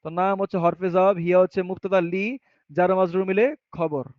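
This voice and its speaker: A fairly high-voiced man walks through Arabic grammar one patient step at a time, as in a classroom lesson. He reads the examples slowly and poses questions he then answers himself. The audio is close and dry, slightly muffled and dull, with no room sound at all.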